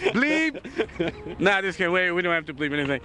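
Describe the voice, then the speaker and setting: A man's voice: sits high, very animated, normal speed, sharp tone. A man hosting a casual talk show recorded outdoors in a city park, loose and repeating words as he thinks. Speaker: host.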